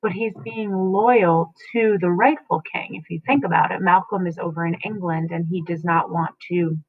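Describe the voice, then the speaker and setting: A woman's voice: on the low side, steady tone, normal speed, no room sound. A woman teacher explaining a play, checking in with her students as she goes. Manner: explains and checks in with "right?" and "okay?". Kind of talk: literature lesson. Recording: tinny phone-like dry sound.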